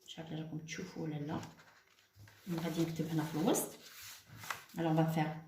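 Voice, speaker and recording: A woman with an Algerian accent teaching children, explaining step by step and dictating words slowly. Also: low-pitched, level tone, warm tone, reverberant, slight background noise. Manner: switches between French and Arabic, explains step by step; slow, deliberate dictation of words. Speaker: primary school teacher. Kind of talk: homework lesson for children.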